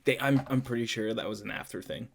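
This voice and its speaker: A man's voice: mid-range voice, fairly even intonation, fast, creaky, a loud crowd. A man hosting a podcast, chatting loosely, swearing freely and laughing often. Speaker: podcast host. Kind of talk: casual chat.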